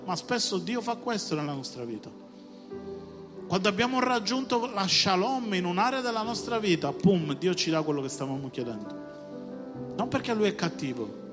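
High-voiced impassioned male preacher. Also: expressive, normal speed. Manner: passionate, rising to emphatic call-and-response. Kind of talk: sermon. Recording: reverberant hall with music behind. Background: music.

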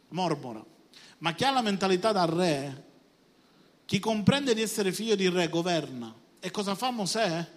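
A pastor with a high voice delivers a sermon in a church hall, and the long reverb rings around his words. He swings from quiet stretches into sudden loud bursts. He keeps checking in with his congregation.

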